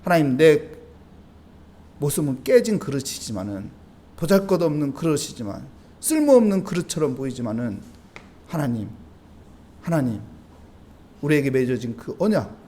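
Male pastor with a Busan accent, high and animated, preaching at dawn and asking the congregation questions. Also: moderate pace, long pauses, slight background noise. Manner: preaching with rhetorical questions and acted-out prayers. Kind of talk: dawn service sermon.

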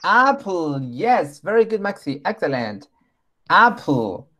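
Slow, patient male teacher. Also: sits high, sing-song, bright, forceful tone. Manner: slow, patient, praising often. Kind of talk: online class for young children.

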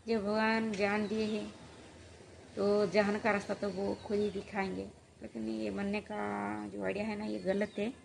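A woman vlogger telling a personal story in a halting, hesitant way, full of pauses and fillers. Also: mid-range voice, level tone, creaky, slight background noise.

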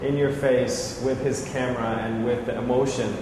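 A man in his forties, curator of a small gallery, gives a tour and explains the photos loosely and enthusiastically, using lots of fillers. His mid-range voice has a flat delivery at normal speed, picked up on a lapel mic in an echoey room with background noise.

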